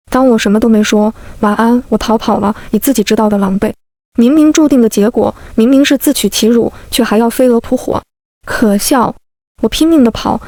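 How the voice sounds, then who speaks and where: A woman reading a first-person story aloud in a calm, even narration, including the dialogue of other characters. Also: fairly high pitch, no echo.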